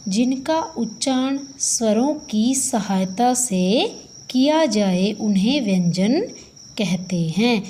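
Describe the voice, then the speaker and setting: A woman teaching a Sanskrit lesson to students, explaining slowly and patiently and often calling them "beta". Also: on the high side, dark tone, slight background noise. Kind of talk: classroom-style lesson.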